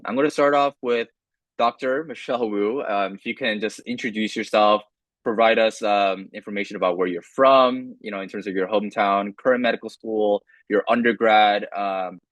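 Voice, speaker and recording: Low-voiced young man moderating a panel. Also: no room sound. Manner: relaxed, many fillers and restarts. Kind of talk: casual moderating on a video call. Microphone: video call.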